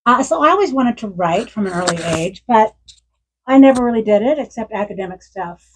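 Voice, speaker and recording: A woman's voice: medium pitch, animated, fairly quick, slight background noise, rough recording. A woman in her sixties, an author reading from her memoir and telling stories at a bookstore event, with frequent laughs. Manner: warm storytelling with frequent laughs.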